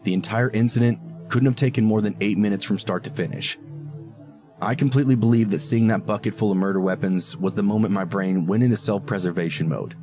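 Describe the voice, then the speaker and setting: A man narrating a first-person horror story in a reflective, questioning way. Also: fairly low pitch. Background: background music.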